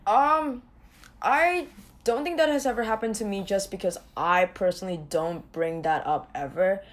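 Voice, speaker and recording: A woman's voice: medium pitch, moderate pace. A young woman from Indonesia, a podcast guest, talking casually with hesitant restarts and many likes. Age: young adult.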